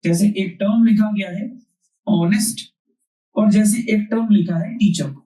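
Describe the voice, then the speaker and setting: A man's voice: high voice, measured pace, mellow. A man teaching a grammar class. He repeats key points and asks questions that he then answers himself. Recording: roomy, distant mic.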